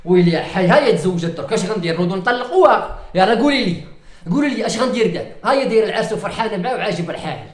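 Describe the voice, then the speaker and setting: A Moroccan man performs a comedic rant at a rapid clip, with a fairly high voice. He wails and complains theatrically, piling on lament after lament. The sound bounces around a roomy space. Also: animated. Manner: wailing, ranting, theatrical lament. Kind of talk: comic sketch monologue. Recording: roomy echo.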